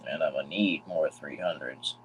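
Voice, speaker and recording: A man with a very deep, gravelly voice, chatting casually and thinking aloud while he works on models during a livestream. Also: normal speed, a little hiss or hum, low-quality recording. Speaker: livestream host building model trains. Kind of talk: casual chat while working.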